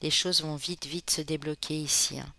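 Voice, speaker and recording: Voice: mid-range voice, steady tone, creaky, background noise. A card reader from the Spanish Basque Country giving a casual, chatty tarot reading, often tagging sentences with "hein" and calling listeners friends. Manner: chatty, fills pauses with "hein", calls viewers friends. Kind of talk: informal tarot reading to viewers.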